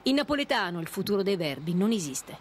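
A woman's voice: mid-range voice, very animated, fast. A woman reporter reading a scripted voice-over for a news feature. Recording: voice-over with clear background noise.

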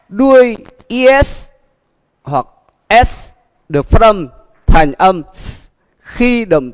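Slow Vietnamese man teaching English sounds. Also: fairly high pitch, big-room sound. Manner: slow, repetitive drilling with many fillers. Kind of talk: livestream English pronunciation lesson.

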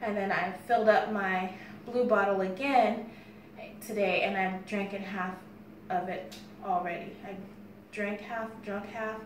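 A woman's voice: medium pitch, steady tone, measured pace. An American woman in her thirties chatting casually to the camera as a fitness vlogger. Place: bare-walled room indoors. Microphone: phone camera a few steps away. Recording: echoey room with faint background noise.

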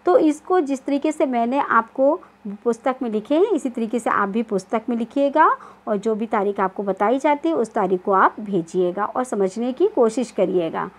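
A woman teaching a primary school Hindi lesson, patient and repetitive, often checking that pupils understand and sounding out word lists slowly. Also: on the high side. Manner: slow, spelled-out syllables in word lists. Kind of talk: online class lesson.

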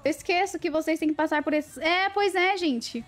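A young woman with a high, bright-pitched voice chats playfully on a livestream, greeting viewers by name. Faint music plays quietly behind her. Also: moderate pace. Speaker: live streamer. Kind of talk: casual livestream chat with viewers.

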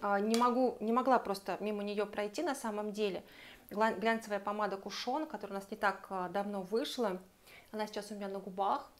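A woman's voice: mid-range voice, fairly even intonation, fairly quick. A woman with a mid-range voice talks casually through a set of beauty products. She sounds eager and recommends them, turning often to her viewers. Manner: chatty, enthusiastic, recommends warmly and addresses viewers directly. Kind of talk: casual product review to camera.

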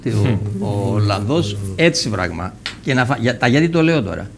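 A man's voice: medium pitch, slight background noise. An older man from Cyprus, a guest telling a personal story in a TV interview and acting out the dialogue as he goes. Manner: vivid storyteller who acts out quoted dialogue, with frequent restarts.

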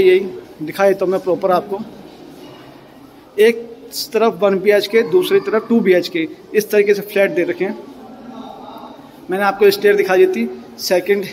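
Brief: man, 30s, chatty property vlogger, high voice, phone at arm's length, faint hiss behind. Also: a little mellow, rough recording. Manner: chatty, repeats himself, points things out while walking. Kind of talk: casual walkthrough vlog. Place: new apartment building, indoors and outdoors. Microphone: handheld phone at arm's length.

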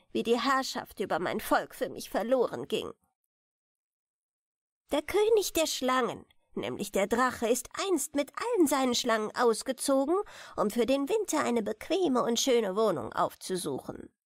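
A woman's voice: fairly high pitch, big pitch swings, unhurried, no room sound, clean studio sound, full character voice. A woman voicing a small, aged, solemn grey dwarf king who pleads earnestly in a German fairy tale. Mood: reassuring.

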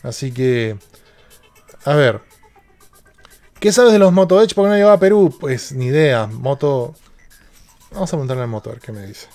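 A man's voice: a little high, moderate pace, pauses often, warm tone, faint music behind. Chatty man on a livestream. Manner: chatty, jokey, reads viewer questions aloud. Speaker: tech streamer. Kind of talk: casual live-stream chat.

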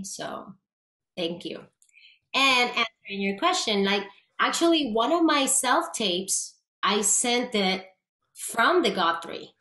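A guest actress in her thirties, a native Spanish speaker from Puerto Rico, chats animatedly in a casual interview over a video call, her medium-pitched voice carrying a Puerto Rican accent. She gestures a lot and often restarts her sentences. Recorded through a webcam indoors against a plain grey wall in a small room, the audio has a roomy echo.

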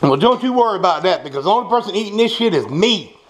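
The recording is low-quality, though the kitchen noise is clear: pans and utensils clatter, food fries, something gets stirred, and dishes clink. At the stove of his small home kitchen, an American man with a high voice and lively intonation talks quickly through a recipe. His casual, spur-of-the-moment demonstration is folksy and salty-tongued, with plenty of repetition.

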